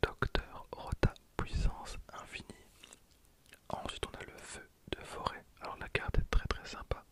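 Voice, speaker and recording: An ASMR creator in their twenties whispers in a hushed, breathy, unhurried way, casually commenting on card packs and softly repeating phrases.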